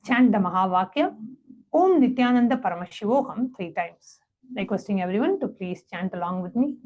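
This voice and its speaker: A woman presenting a devotional satsang, reading a story aloud and then giving step-by-step guided instructions in a measured, reverent way. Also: medium pitch, expressive, a little mellow, muffled recording.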